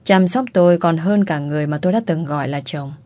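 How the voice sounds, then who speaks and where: A woman narrating a first-person story in an expressive, exasperated way. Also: deep voice, fast talker, no echo.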